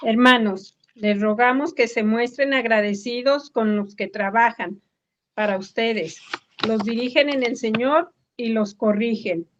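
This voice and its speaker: A woman with a Mexican accent reads Bible passages aloud to a study group, slow and measured. Her voice is fairly high, and the recording sounds muffled and lo-fi. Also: a little hiss or hum. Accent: Mexican Spanish. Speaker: student in a Bible class. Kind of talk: reading scripture aloud. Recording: dull lo-fi sound.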